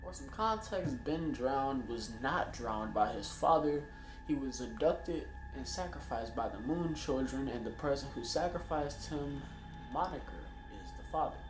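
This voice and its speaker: Narrating over background music, a man with an animated mid-range voice speaks at a measured pace, informal and slightly stumbling, dropping offhand asides. He's a YouTube host, and the room adds echo.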